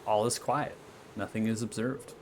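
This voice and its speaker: A man with a lowish voice runs a tabletop game as game master. He improvises his narration haltingly and checks in with tag questions. There is noticeable noise behind him. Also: fairly even intonation. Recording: clear background noise.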